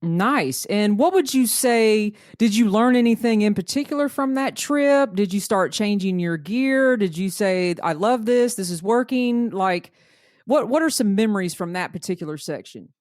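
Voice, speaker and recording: A woman's voice: medium pitch, animated, moderate pace, darkish tone, no echo. Woman hosting, dry sound. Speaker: podcast host interviewing a guest. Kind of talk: casual conversational interview.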